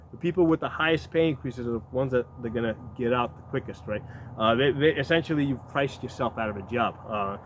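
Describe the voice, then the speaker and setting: A man's voice: mid-range voice, fairly bright tone, slight background noise. A man around fifty talking casually to his viewers in a blunt, rambling way, restarting words and asking "right?" again and again. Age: 50s. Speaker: video host. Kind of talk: casual talk to camera.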